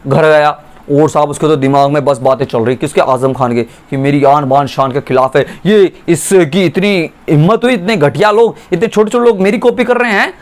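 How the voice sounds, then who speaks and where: A male teacher explaining a story to his class, animated, asking and answering his own questions. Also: on the high side, normal speed.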